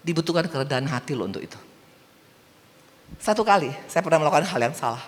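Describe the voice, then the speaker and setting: Lively woman preaching in a big hall. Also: deep voice, quick pace. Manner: lively storytelling, asks the congregation questions. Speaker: evangelist preacher. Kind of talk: sermon. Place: large church hall. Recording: long church-hall reverb.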